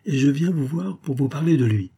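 A man's voice: fairly high pitch, animated, fairly quick, gravelly, dark tone, breathy edge, voice pushed up, exaggerated voice. A man reading the part of a scheming, aging viscount in a suave, coaxing manner. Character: scheming aging male viscount, smooth and cunning.

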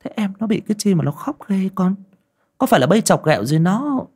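A man voicing an anxious young mother who soothes her frightened children in a softly coaxing way. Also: sits high, big pitch swings, brisk, slightly rough, voice pushed up, exaggerated voice. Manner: soft, coaxing, fussing.

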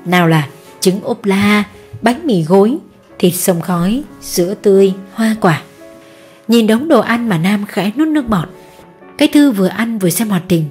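A woman reading a family story aloud as an audiobook narrator, in a steady, even delivery. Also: mid-range voice, moderate pace, faint music behind.

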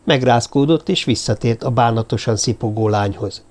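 An audiobook narrator, male, reads a novel aloud in a steady, storytelling way. His voice sits in the mid-range, and the narration is scripted.

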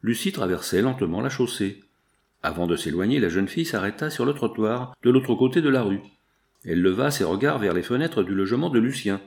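Measured male audiobook narrator. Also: on the low side, animated, darkish tone. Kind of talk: scripted literary narration.

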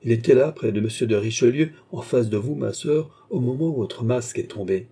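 A man's voice: medium pitch, brisk, dark tone, breathy edge, voice pushed up. A man reading an audiobook, voicing a royal prince who talks in a teasing, insinuating way. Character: mocking royal prince, middle-aged man. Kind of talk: audiobook character voice.

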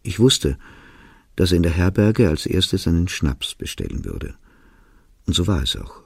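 A man narrating a literary audiobook in a studio, reading in a calm, even, reflective way. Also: sits low, measured pace, creaky, slightly rough, no echo. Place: recording studio.

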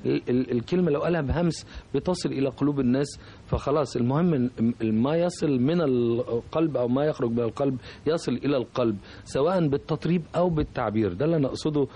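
Casting: Egyptian man, warm mellow tone, thoughtful radio guest who hesitates as he talks. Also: mid-range voice, fast talker, husky. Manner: reflective, hesitant, searching for words. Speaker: composer, guest. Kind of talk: radio interview.

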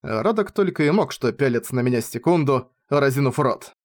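Expressive male storybook narrator. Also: mid-range voice, a little fast. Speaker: audiobook reader. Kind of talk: first-person novel narration.

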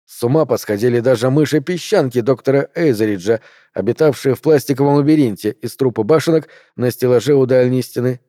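Dark-voiced man narrating an audiobook. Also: medium pitch, brisk, no room sound, studio quality.

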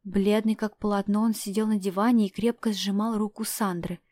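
A woman's voice: medium pitch, fairly even intonation, fairly quick, a little mellow, no echo. Woman narrating a fantasy audiobook.

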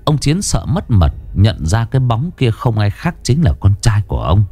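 A man narrating a ghost story with a deep, dark voice. His intonation swings widely as he builds dread, and faint music plays underneath. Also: very animated, normal speed. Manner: dramatic, vivid storytelling.

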